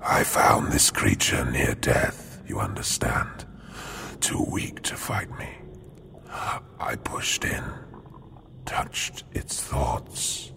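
A man voicing a gravelly whispering hive-mad adept. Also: rumbling low, wildly swooping pitch, bright, forceful tone, pitched below the performer's own voice, full character voice. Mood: gloating whisper. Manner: slow, hissing, gloating, rising to cries. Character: sinister male adept merged with alien hive. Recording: noisy background.

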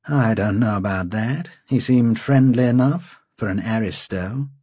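A man's voice: on the low side, a little slow, mellow, husky, no echo, clean studio sound. A man voicing a sly male companion who fawns on nobles, obsequious and wry.

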